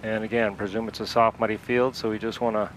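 Speaking fast into an aviation headset, a man with a fairly low voice casually narrates his home-cockpit flight for a flight sim video, walking through each step in a relaxed way. The audio is poor, with a steady engine drone clearly audible under him and slight background noise.

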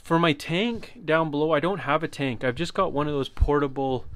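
A man giving a relaxed walkthrough of his trailer build, explaining as he goes with some fillers. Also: fairly high pitch, normal speed, dry recording. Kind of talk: casual walkthrough tour. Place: inside a converted cargo trailer.

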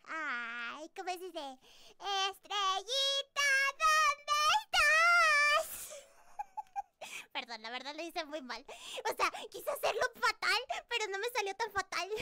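Cute anime-style girlish woman, very high pitch, swooping intonation, unhurried, gushing live-stream chat, squealing expressiveness. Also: expressive, very noisy.

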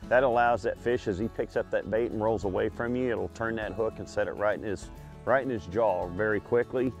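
A man who fishes catfish tournaments, talking in a relaxed, plain-spoken way on an open boat. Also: medium pitch. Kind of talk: casual fishing show talk.

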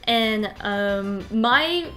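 A young woman from Quebec with a French Canadian accent narrates her bullet journal video, chatting casually with many ums and uhs and light laughs. Her fairly high voice is expressive and a bit bright, and she speaks very slowly.

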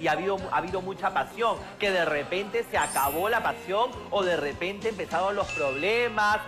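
A man's voice: high-pitched, normal speed. A man with a Peruvian accent giving gossip commentary as host of a studio TV show. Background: music.

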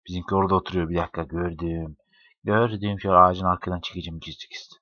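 Joking gamer, bright dry voice. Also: male voice, low-pitched, steady tone, very fast, no room sound. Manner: joking, talks to the game characters, laughs often. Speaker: gaming YouTuber. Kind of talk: casual gameplay commentary. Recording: dry, dull lo-fi home mic.

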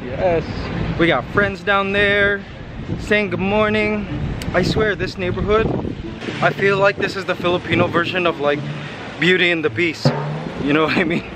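A man in his thirties chatting casually and excitedly to the camera as he walks outdoors along a city street. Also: high-pitched, normal speed. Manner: animated, exclamatory, talking while walking. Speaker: vlogger. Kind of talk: casual walking vlog chat. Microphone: camera held at arm's length. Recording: outdoor city street noise, passing cars. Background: street ambience and vehicles.

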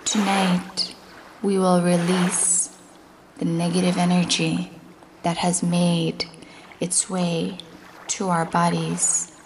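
Over a noisy background, a woman with a lowish voice and completely flat delivery guides a meditation with affirmations. Her manner is slow and soothing, sometimes sinking to a breathy near-whisper.

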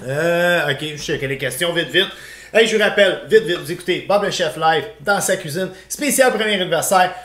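A man's voice: fairly high pitch, a bit bright. A man with a Québécois accent hosting a live cooking show from a kitchen, playful and rambling. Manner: playful, rambling, quick asides. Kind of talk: casual live-stream chat. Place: home kitchen. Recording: echoey kitchen, noisy background.

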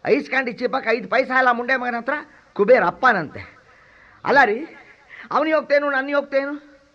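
Cheeky comic servant, very high voice, spits insults nonstop, muffled old recording. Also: male voice. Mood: mocking. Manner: rapid strings of abusive insults, mocking mimicry. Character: cheeky comic male servant, loud and mocking. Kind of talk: stage comedy drama acting. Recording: dull lo-fi drama recording.

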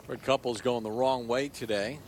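A man's voice: medium pitch, steady tone, normal speed. A man working as a golf commentator, announcing shots in live coverage. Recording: clearly noisy outdoor broadcast.

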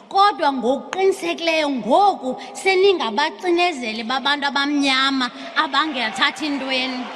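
A South African woman in her thirties delivering a forceful speech at the podium of a large parliamentary chamber, slipping into isiXhosa. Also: sits high, a little hiss or hum. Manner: forceful oratory, switching into isiXhosa. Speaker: opposition chief whip. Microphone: podium microphone. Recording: broadcast feed with long hall reverb.

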